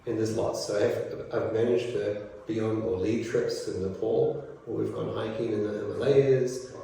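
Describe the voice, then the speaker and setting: A middle-aged man from New Zealand, a teacher, answering interview questions in a relaxed, rambling way with many fillers. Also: fairly low pitch, moderate pace, gravelly, slight background noise. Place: school room. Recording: echoey room from far off.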